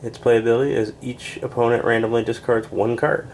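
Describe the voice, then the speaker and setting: A man with a stuffed-up voice works through a deck of game cards, reading each one's text in a plain, unhurried way. He adds casual asides with fillers and is a little short of breath. A faint hiss sits behind him. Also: medium pitch, steady tone. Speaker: board game reviewer.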